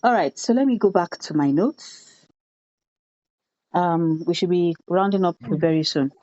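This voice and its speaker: A woman leading a teacher training on a video call, telling classroom stories in an animated way and repeating phrases for emphasis. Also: fairly low pitch, a little slow, dry recording. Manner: animated storytelling, acts out children's voices, repeats phrases for emphasis. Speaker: education consultant leading an online teacher training. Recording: dull, dry video-call audio.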